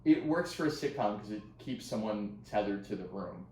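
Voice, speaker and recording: Low-voiced joking man, off-mic and echoey. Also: lively intonation, moderate pace, darkish tone, far from the mic. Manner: wry, crude jokes, bursts of laughter. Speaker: podcast co-host. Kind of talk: casual chat. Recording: echoey room, somewhat off-mic, faint noise.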